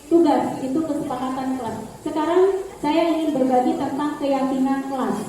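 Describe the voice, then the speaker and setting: A woman's voice: high voice, dark tone, slight background noise. A woman teacher explaining classroom practice to colleagues, repeating key terms and addressing them as Bu. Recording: echoey room from far off.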